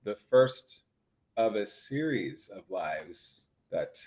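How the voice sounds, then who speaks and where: Chatty, animated man talking freely. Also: fairly low pitch, takes it slowly, heavy background noise. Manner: chatty, animated, lots of "like" asides. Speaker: HIV clinician and advocate. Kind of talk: casual live-stream conversation.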